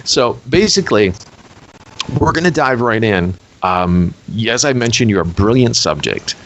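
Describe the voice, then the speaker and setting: A man with a Michigan accent chatting casually, then leading a hypnosis induction in a slower, deeper, soothing voice. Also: expressive, a bit bright, a little hiss or hum, rough recording. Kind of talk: hypnosis session over a call.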